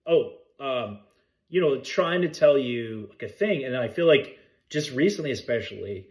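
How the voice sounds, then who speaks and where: A man's voice: medium pitch, expressive, moderate pace. A man co-hosting a podcast, talking in casual, rambling chat that often breaks off mid-thought, swearing freely. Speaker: podcast co-host.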